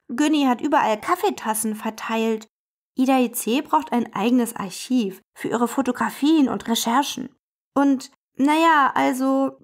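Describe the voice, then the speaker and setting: A woman's voice: on the high side, natural voice. A woman voicing a cheerful, eager little ICE train in a children's storybook. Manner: bright, animated and friendly.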